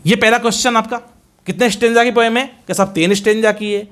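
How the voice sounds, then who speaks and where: An Indian man lecturing on a poem for a competitive exam, switching between Hindi and English. His voice sits noticeably high for a man, and he drills his students by counting lines and repeating the likely questions. The delivery is a teacher's steady classroom explanation. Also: fast. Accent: Hindi-speaking Indian.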